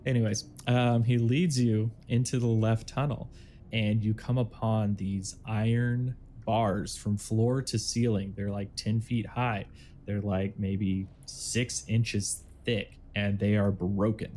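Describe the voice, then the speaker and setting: A man narrating a tabletop role-playing game as dungeon master in a relaxed, rambling way, full of ums and likes. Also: lowish voice, takes it slowly, slight background noise. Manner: casual, with many ums and likes.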